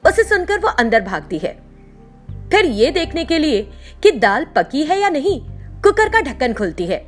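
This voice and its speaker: A woman narrating a scripted children's story in an expressive storytelling manner. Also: sits high, moderate pace, faint music behind.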